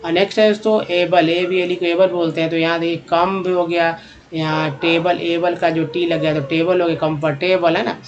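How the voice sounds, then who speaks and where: A man teaching English reading in a phonics lesson, repeating words slowly and calling his viewers friends. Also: a little high, flat delivery, highs cut off.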